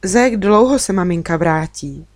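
A woman reading a storybook, voicing a cheerful, kind young girl who stays calm and friendly. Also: on the low side, no room sound, lightly acted.

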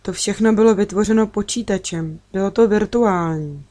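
Alien girl, calm and kind, serious and gentle, as a woman reader puts her on. Storybook. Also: mid-range voice, lightly acted. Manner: serious, gentle, matter-of-fact.

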